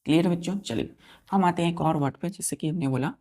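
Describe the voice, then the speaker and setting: Speaking fast in a fairly low, dark-toned voice, a woman teacher runs a vocabulary lesson. Words are spelled letter by letter with the letters counted aloud, and she quizzes the class over and over.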